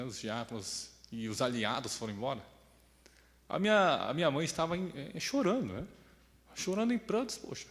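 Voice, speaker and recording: Animated preacher, echoey hall. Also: male voice, medium pitch. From Brazil. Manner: conversational preaching, often asks "né?" and acts out quoted voices. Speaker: pastor. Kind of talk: sermon with personal story.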